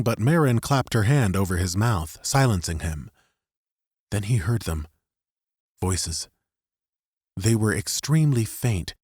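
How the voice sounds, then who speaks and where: An audiobook narrator with a low, slightly mellow male voice reads scripted third-person fiction. The recording is very dry and close, like a studio microphone, with no room sound.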